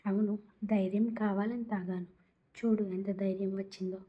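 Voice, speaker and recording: A woman's voice: mid-range voice, flat delivery, moderate pace, phone-quality sound, natural voice. A woman voicing a drunk, lovesick young woman who pleads in a slurred, giggly way. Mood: tipsy. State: tipsy.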